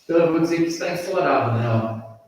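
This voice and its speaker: A man's voice: on the high side, quick pace. A man with a Brazilian Portuguese accent gives a one-on-one English lesson. He switches between Portuguese and English, explains patiently and keeps checking that his student follows along. He is recorded from a distance in a very echoey room with a long reverb tail. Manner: explains patiently, checks understanding with frequent tag questions. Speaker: English teacher.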